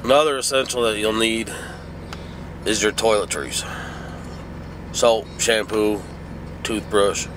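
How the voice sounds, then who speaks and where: A man's voice: fairly low pitch, slow pace, pauses often, background noise. A middle-aged man, sick and groggy as if hungover, talks casually in a folksy, plainspoken way as a truck driver vlogging. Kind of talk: casual vlog talk. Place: truck cab.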